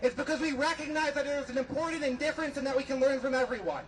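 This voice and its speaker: A young man delivers a podium speech in a very high, raised voice. He is deliberate and declamatory, stressing his points firmly over clear background noise. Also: a bit bright. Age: young adult. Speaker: student speaker at a rally.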